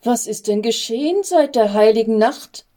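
A woman's voice: a little high, lively intonation, normal speed, warm tone, close to an everyday voice. A woman voicing an anxious, tender-hearted young male angel in a storybook reading, with a fretful, pleading manner. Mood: puzzled.

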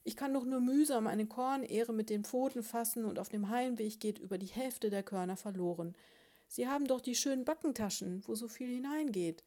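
A woman's voice: a little high, moderate pace, dark tone, voice pushed up, natural voice. A woman voicing a poor, hungry little female mouse who pleads and wails her laments. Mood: pleading. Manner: wailing, pleading, sobbing lament. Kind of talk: audiobook character voice.

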